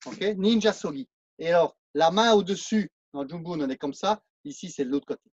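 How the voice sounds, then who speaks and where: A French-accented man leads a martial arts class, counting out and explaining each move as he demonstrates it. His voice sits high. The sound is dry and slightly dull, like a lo-fi recording. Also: lively intonation, normal speed, a little mellow, no room sound. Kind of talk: live online class instruction.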